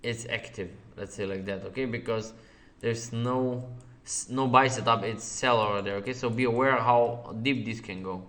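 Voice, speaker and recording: A man's voice: medium pitch, fairly even intonation, moderate pace, fairly bright tone. Man hosting a trading webinar. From Slovenia. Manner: repeats "okay" often, plain non-native phrasing, laughs easily. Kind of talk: live webinar answering viewer questions over charts.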